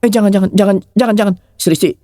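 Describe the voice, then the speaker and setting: An actor dubbing a nervous passenger begging the driver to slow down in a TV drama. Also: male voice, sits high, warm tone, no echo, studio quality, natural voice. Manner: nervous, pleading. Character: jittery man, scared passenger. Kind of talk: dubbed TV drama.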